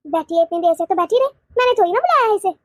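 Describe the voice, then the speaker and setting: A woman voicing a bossy, stingy middle-aged mother-in-law in a cartoon, with sharp, rapid taunts. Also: extremely high pitch, animated, dry recording. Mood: scolding. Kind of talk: cartoon voice acting.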